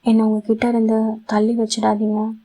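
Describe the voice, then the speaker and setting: An emotional young wife from a romantic audio story, soft and pleading as she clings to her husband, as a woman reads her. Her voice is fairly high and held level, with a narrow pitch range. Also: completely flat delivery, normal speed.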